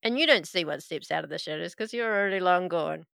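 A woman runs a tabletop game, sliding between narration and casual banter. She is wry and sarcastic, with a bright, forceful voice pitched a little low and recorded very dry. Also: quick pace, vocal fry, smooth, no echo. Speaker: game master.

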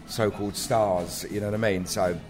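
A man's voice: on the low side, steady tone, moderate pace, music in the background. A middle-aged man with a South London accent, chatting casually and modestly as an interview guest in a laid-back, slangy way. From South London, England. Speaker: guest graffiti artist.

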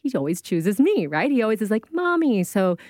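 A woman in her thirties co-hosting a podcast, telling stories in a lively casual chat. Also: medium pitch, fairly quick, no room sound, studio quality. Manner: animated storyteller, acts out voices. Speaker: podcast co-host.

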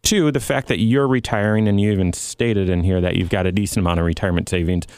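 A man, a financial planner on a radio show, explaining in a measured, encouraging way with halting restarts. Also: fairly low pitch, steady tone, darkish tone, clean tone, no echo.

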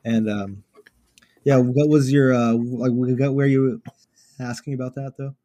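Laid-back young man, mellow low voice. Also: fairly even intonation, a little slow, dull audio. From Houston, Texas, USA. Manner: laid-back, many fillers like "like" and "uh". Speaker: guest musician. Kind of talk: casual interview chat.

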